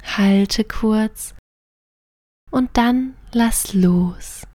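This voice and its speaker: A woman narrating a bedtime sleep story and guided relaxation in a gentle, soothing, partly near-whispered voice. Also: a little high, drawn-out words, no room sound, clean studio sound.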